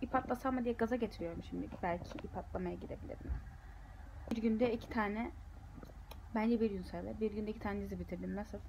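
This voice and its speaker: A woman's voice: mid-range voice, a little fast, gravelly, dark tone, a little hiss or hum, low-quality recording. A young woman, a university student, chatting casually to her viewers in a frustrated, rambling way. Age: young adult. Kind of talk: casual vlog talking to viewers.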